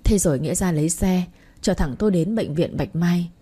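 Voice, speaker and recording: A woman's voice: lowish voice, brisk, warm tone, breathy edge. A woman narrating a first-person romance story in a tender, emotional reading.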